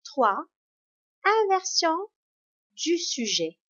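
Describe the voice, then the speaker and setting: A woman teacher giving a grammar lesson to children, speaking in a slow, spelled-out and encouraging way. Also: extremely high pitch, big pitch swings, a bit bright. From Morocco. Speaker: primary school teacher. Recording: dull lo-fi recording.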